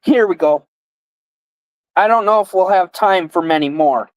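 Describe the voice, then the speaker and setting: A woman's voice: fairly low pitch, unhurried, no room sound. A woman in her twenties hosting a casual live guessing game, with slurred, lisping speech from a mouth guard. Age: 20s. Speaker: live stream host.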